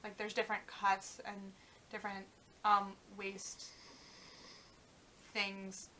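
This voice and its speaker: A young woman chats casually as a vlog co-host, leaning on "like" and trailing off mid-thought. Her voice is bright and clear, sitting at an ordinary pitch. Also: monotone, slow pace, slight background noise, poor audio. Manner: chatty, many "like" fillers, trails off. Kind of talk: casual chat.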